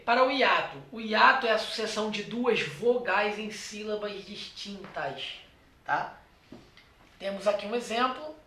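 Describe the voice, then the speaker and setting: A teacher with a Brazilian accent gives a lecture at a board, talking straight to the viewer. The voice is bright and forceful and keeps checking in with quick tag questions. The room echoes around it. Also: mid-range voice. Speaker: exam prep teacher. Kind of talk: classroom lecture. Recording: roomy echo.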